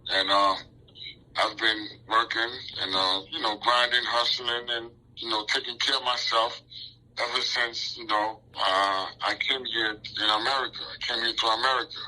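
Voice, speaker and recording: A man's voice: mid-range voice, steady tone, moderate pace, pushed and bright, low-quality recording. A man in his forties, born in Haiti, answering interview questions in a casual, rambling way with lots of fillers and restarts. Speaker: interview guest.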